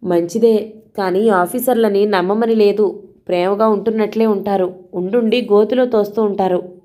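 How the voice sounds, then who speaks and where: A woman voicing a caring man, an elder brother who questions slowly and gently. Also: mid-range voice, steady tone, close to an everyday voice. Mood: advising. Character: male hospital patient, caring elder brother.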